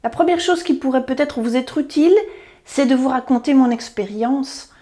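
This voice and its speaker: A woman's voice: high-pitched, moderate pace, warm tone. A woman, a therapy practitioner talking earnestly to camera, rambling and correcting herself as she goes. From Belgium. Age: 50s. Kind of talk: personal talk to camera.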